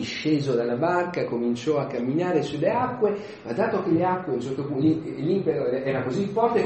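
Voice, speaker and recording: A man giving an informal homily, conversational and lively, acting out the voices of the people in the story. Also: mid-range voice, slight background noise. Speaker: preacher. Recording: echoey room.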